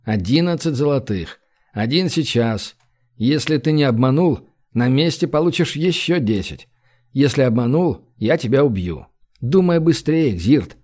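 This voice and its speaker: A man voicing a calm, coldly ruthless male shaman who speaks with dry, unhurried menace. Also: mid-range voice.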